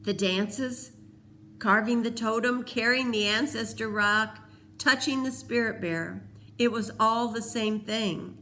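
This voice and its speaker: An earnest, remorseful teenage boy, as a woman reading a storybook puts him on. He speaks slowly and sincerely in a bright, clear tone. His words come out gently pleading. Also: a little high, a little hiss or hum, voice pushed up. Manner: pleading, earnest, then whispering.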